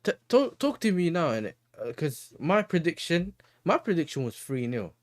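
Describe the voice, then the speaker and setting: A man's voice: on the high side, very animated, moderate pace, dry recording. A young man hosting a casual football chat, full of slang and frequent laughter. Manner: laughs often, slangy banter. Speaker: host.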